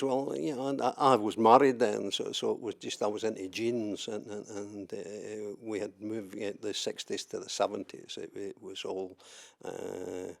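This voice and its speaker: This older Scottish man, from the southwest of the country, has a fairly low, gravelly voice. As the interviewee in an oral history recording, the trade unionist looks back on his life, hesitating often and repeating words amid many fillers.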